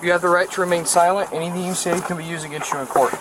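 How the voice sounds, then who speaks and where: A male police officer reading a suspect her rights and questioning her in a calm, procedural way. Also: sits high, rapid-fire, recorded from a distance, noisy background. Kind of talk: police interview.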